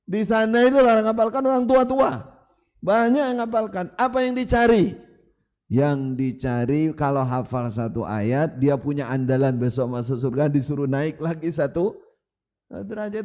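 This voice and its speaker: Brief: man preaching a sermon, somewhat high voice, emphatic storytelling. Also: expressive, moderate pace, a little mellow. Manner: emphatic, storytelling with rising and falling delivery.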